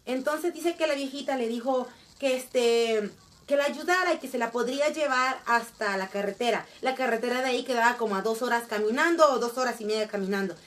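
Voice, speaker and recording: A young woman tells a story straight to her viewers in a high, bright voice. She is animated and chatty and often restarts her sentences. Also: a little fast. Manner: animated, addresses viewers directly, frequent restarts and fillers. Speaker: vlogger telling a family story. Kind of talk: casual storytelling to camera.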